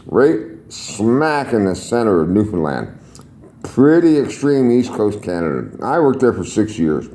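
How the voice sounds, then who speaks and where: An older man, a retired air traffic controller, telling stories to camera in a salty, swearing, lively way. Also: fairly low pitch. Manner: salty, swears freely, chuckles, lively storyteller. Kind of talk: casual storytelling to camera.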